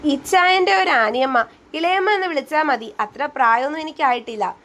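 Woman reading as a feisty sulky young wife. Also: high voice. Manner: sulky, quick to bristle.

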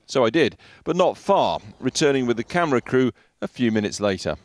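A man's voice: medium pitch, big pitch swings, brisk, slight background noise. A man reading scripted narration as a television news reporter.

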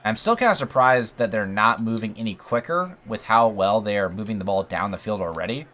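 Male gaming creator, low-pitched, slightly worn voice, excitable sports-style commentary into a condenser mic. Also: a little fast. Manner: excited, rises in pitch on big plays. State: slightly losing his voice. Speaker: gaming YouTuber. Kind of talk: play-by-play commentary of a football video game. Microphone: USB condenser mic.

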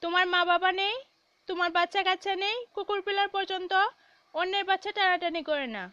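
A woman voicing a furious young mother who shouts and hurls insults down the phone in a read-aloud story. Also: very high-pitched, fairly even intonation, brisk, dry recording, highs cut off. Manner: scolding, hurling insults.

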